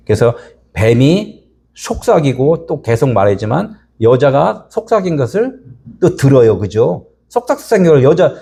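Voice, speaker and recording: Husky, lively Korean pastor preaching. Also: male voice, medium pitch. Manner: animated, conversational preaching that acts out quoted people. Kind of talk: sermon.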